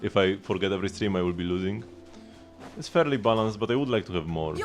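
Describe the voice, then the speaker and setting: A man with a fairly low voice talks fast while live streaming a video game, rambling casually and answering viewers. Game music plays in the background.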